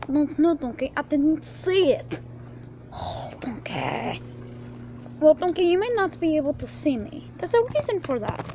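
A woman's voice: sits high, very animated, unhurried, background noise, full character voice. A woman playing a jumpy, playful ogre. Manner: playful, calls everyone donkey. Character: jumpy, childlike male ogre vlogger. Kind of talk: homemade role-play vlog. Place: outdoors at night, then indoors at home. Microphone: handheld video camera.

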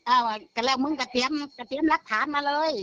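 A woman's voice: high-pitched, steady tone, fast talker, sharp tone, highs cut off. An older woman chatting bluntly, swearing freely and repeating herself as she tells of a call. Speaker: grandmother telling of a phone scam. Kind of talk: casual phone-style chat.

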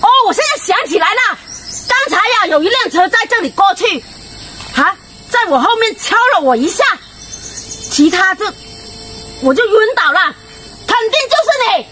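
Casting: woman as a high, shrill, swooping victim, accusing everyone, with music underneath. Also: sing-song, normal speed, pauses often. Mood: suspicious. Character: frantic woman accusing a passerby of theft. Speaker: robbery victim in a skit. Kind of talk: amateur comedy skit acting. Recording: background music over voice.

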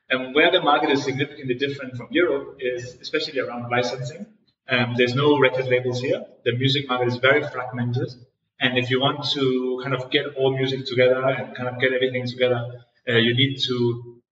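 A man's voice: medium pitch, a bit bright, a little hiss or hum. A man from Denmark in his thirties, a startup founder answering interview questions in an office, hesitant with many fillers and restarts. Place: co-working space office. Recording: echoey room, distant and dull.

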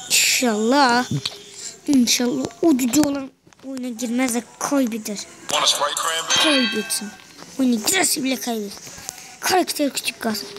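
A young woman streaming a game from her bedroom, excitable, with frustrated muttering and mild swearing. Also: high-pitched, moderate pace, long pauses, background noise. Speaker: gaming channel host. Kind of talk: casual gameplay commentary. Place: bedroom at home.

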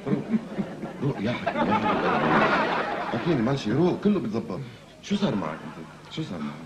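A man's voice: lowish voice, very animated, quick pace, lo-fi sound, over a noisy crowd. A Lebanese man acting a comic, rambling patient who suddenly finds himself married to two wives. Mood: soothing. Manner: rambling, exaggerated, comically flustered. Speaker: patient in a comedy series. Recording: loud background noise.

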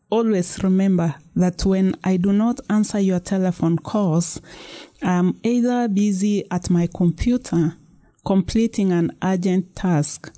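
An earnest young woman pleading with her parents, as a woman reads her out from a novel, her words slow and careful. The voice sits a little low and sounds soft and mellow. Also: close to an everyday voice. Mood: reassuring.

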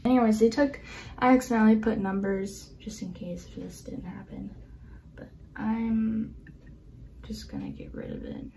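A woman with a high, mellow voice narrates a laptop unboxing indoors. She speaks slowly, gasps with excitement, and often drops to a whisper. A faint hiss sits under her voice. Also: vocal fry. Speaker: vlogger. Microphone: camera on a tripod.

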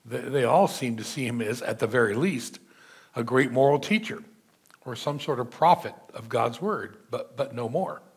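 An older man, a pastor, preaching a measured sermon from a church pulpit and reading scripture aloud. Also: medium pitch, breathy edge. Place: church sanctuary. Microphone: pulpit mic, seen from far camera.

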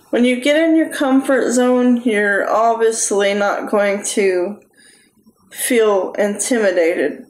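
Woman, testimony sermon, slow halting delivery, echoey room. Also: fairly high pitch. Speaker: preacher. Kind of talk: personal testimony sermon to camera. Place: small room indoors.

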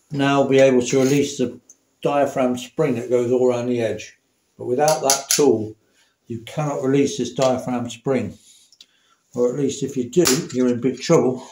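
A man's voice: mid-range voice, a little mellow, echoey room, a little hiss or hum. A man demonstrating a motorcycle repair in a workshop, chatty and correcting himself as he works. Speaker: motorcycle mechanic. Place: indoor workshop.

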